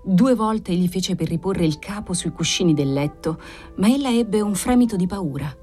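A woman narrating an audiobook in a dramatic, expressive reading style. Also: fairly low pitch, moderate pace, soft background music. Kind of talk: scripted narration.

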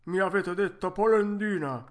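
A man voicing a hot-tempered old woodcarver in a storybook reading, loud and theatrical. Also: fairly high pitch, lively intonation, voice pushed up. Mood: indignant. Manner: loud, theatrical, quick to anger.

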